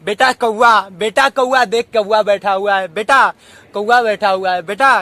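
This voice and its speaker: A man's voice: high-pitched, a little slow, a bit bright, dry recording. A man voicing an elderly, heartbroken father who pleads tearfully with his son. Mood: coaxing.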